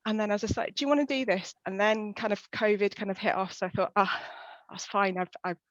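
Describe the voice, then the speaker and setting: A woman's voice: medium pitch, fast talker, no echo. Woman, welsh accent, chatty, lots of ums, dry dull lo-fi audio. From West Wales. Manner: chatty, frequent fillers, quoting herself. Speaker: pelvic health physiotherapist guest. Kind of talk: casual interview chat.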